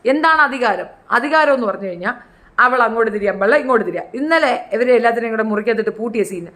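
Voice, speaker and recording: Chatty high-voiced woman commentator. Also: expressive, fast talker, fairly bright tone. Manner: chatty, opinionated, acts out quotes in high voices. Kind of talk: casual reality show commentary.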